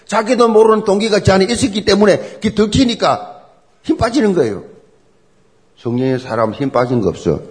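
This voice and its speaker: A middle-aged man preaching a sermon as pastor, emphatic and animated, driving points home with rhetorical questions and repetition. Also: high voice, brisk.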